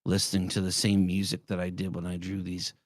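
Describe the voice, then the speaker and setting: A man's voice: low voice, completely flat delivery, fairly quick, dry recording, clean studio sound. A man in his forties, trading blunt, profane jokes in a casual live-stream chat. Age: 40s. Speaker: streamer co-host.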